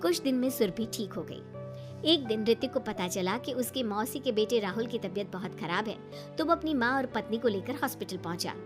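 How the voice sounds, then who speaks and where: A woman narrates a cartoon story with an even, scripted delivery. Her voice sits high. Faint music plays beneath her. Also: a little fast.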